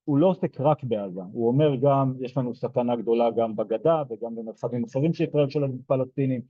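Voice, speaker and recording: A soft-spoken man from Israel giving a lecture, hesitant, with many fillers and restarts. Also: mid-range voice, no echo, phone-quality sound. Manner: soft-spoken, hard to hear. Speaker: genocide studies lecturer. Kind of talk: explaining lecture.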